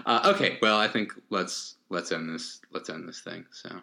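Low bright-voiced man, rambling podcast host. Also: normal speed, creaky. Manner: rambling, frequent fillers and restarts, laughs often. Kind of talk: casual chat.

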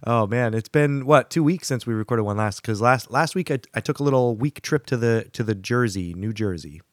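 Deep-voiced man hosting a laid-back podcast. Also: fairly quick, dry recording, clean studio sound. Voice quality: deeper than usual. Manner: joking, laughs often. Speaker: podcast host. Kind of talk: casual chat. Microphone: studio microphone.

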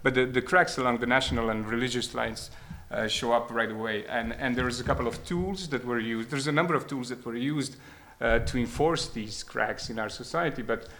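A Croatian man in his 30s gives reflective spoken testimony about his own experience, often hesitating and repeating words as he thinks. His mid-range voice is fairly quick with a fairly bright tone.

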